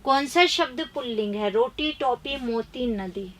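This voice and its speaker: High-voiced woman teaching grammar briskly. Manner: brisk quizzing, reading options and answers aloud; chiding, emphatic. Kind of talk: live online exam-prep class.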